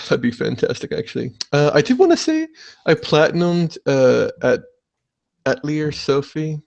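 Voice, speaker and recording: A young man hosting a casual podcast, chatting excitedly and swearing often. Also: a little high, normal speed, creaky, dull audio. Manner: excitable, swears a lot, animated. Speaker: podcast host.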